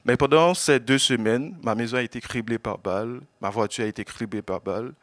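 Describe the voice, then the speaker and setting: A man from Haiti, an exiled journalist giving an earnest personal testimony to an audience, often halting and repeating words. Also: mid-range voice, a bit bright, dry recording. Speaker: exiled journalist speaking at an event.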